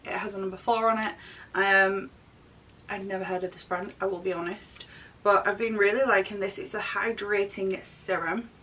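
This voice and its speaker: A woman's voice: steady tone, normal speed, pushed and bright. A woman in her thirties chatting casually through a makeup tutorial while getting over a throat and chest infection. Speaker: makeup artist and vlogger. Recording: distant mic, rumbly background noise.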